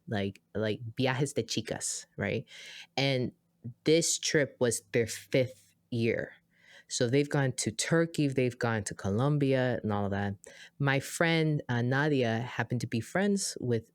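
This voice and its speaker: A woman with an American accent co-hosting a podcast, telling a story in a chatty, animated way with lots of asides. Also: no room sound, studio quality. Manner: animated, acts out quoted dialogue with big pitch jumps; chatty, many fillers and asides. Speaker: podcast co-host. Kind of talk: casual conversational storytelling.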